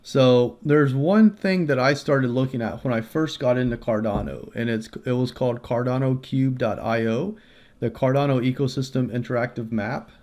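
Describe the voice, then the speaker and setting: Male creator, mid-pitched, casual tutorial read with loose fillers and restarts, close mic. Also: moderate pace, a little mellow. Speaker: crypto video creator. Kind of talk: casual explainer walkthrough.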